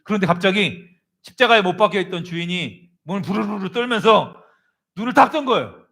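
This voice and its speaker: A male pastor preaching a sermon, telling a story with animated delivery and calling on congregation members by name. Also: sits high, fairly quick.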